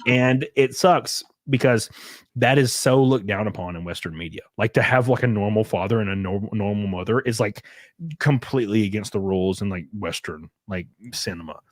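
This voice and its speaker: A man's voice: on the low side, normal speed, no echo, clean studio sound. A man hosting a casual podcast chat, rambling and ranting with lots of filler words. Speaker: host.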